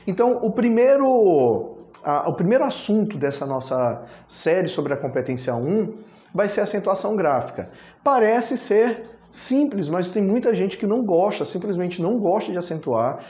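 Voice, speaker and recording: A man's voice: high voice, sing-song, darkish tone. Echoey Brazilian man teaching grammar. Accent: Brazilian Portuguese. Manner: affectionate, calls students "my loves", drawn-out filler sounds. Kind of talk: grammar lesson.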